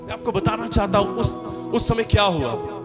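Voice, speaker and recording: A very high-pitched man preaches to a seated congregation, with loud music running under his voice. He tells a story and repeats phrases for the people to say back. He acts out the voices in the story and rises to shouted praise. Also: moderate pace. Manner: repetitive, calls on the congregation to repeat lines; acts out the characters' quoted lines. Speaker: pastor. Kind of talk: sermon with storytelling. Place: church hall with seated congregation.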